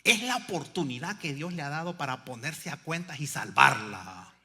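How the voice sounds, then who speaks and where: Male pastor, storytelling sermon, higher than average, bright and forceful delivery, hushed to emphatic. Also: moderate pace, husky. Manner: animated, swings from hushed to loud emphatic.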